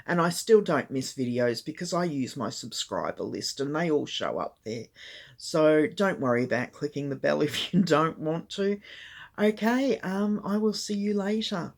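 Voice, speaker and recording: Older woman, croaky, rambling host chatting to camera on a tablet. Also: low-pitched, animated, moderate pace. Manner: rambling, full of ums. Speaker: craft channel host. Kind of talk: casual chat to camera. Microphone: tablet camera mic.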